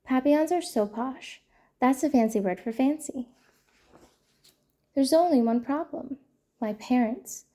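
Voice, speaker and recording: A woman hosting a storytime channel, reading a children's picture book aloud in a gentle, playful way. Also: high-pitched, unhurried, pauses often. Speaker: storytime host.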